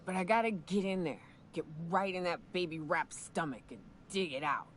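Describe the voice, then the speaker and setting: A woman's voice: on the low side, moderate pace, a little hiss or hum, lightly acted. A woman voicing a drunk, crude and folksy frontier monster hunter in a video game, rambling and stumbling over words. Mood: boozy storytelling. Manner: boozy, rambling, drawling folksy delivery with stumbles. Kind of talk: video game dialogue acting.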